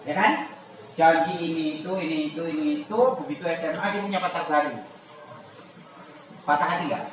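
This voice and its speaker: High-voiced male teacher in an echoey classroom. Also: fairly quick, pauses often. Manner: reads Arabic text then explains it in casual speech; acts out short scenes in quoted voices. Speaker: religious teacher. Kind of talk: classroom lesson. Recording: echoey room, far from the mic, noisy.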